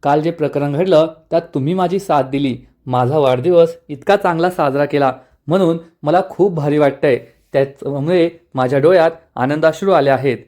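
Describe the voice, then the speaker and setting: A woman's voice: deep voice, normal speed, few pauses, dark tone, natural voice. A man voicing a young village wife, hurt but determined, who speaks earnestly and pleadingly. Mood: tender.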